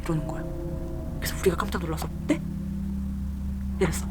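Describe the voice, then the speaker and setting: A woman's voice: mid-range voice, fairly quick, loud music behind the voice. A young woman casually telling creepy personal stories while doing her makeup, acting out the people in them. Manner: lively, mimics the people in her story. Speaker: storyteller.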